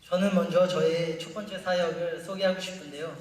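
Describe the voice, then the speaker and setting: A man reading a prepared greeting to a church congregation in careful, halting speech as a youth worker. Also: fairly high pitch, steady tone. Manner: careful, halting non-native-sounding Korean. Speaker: newly appointed youth ministry worker. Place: large church hall during a service. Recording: echoey hall, distant mic, faint noise.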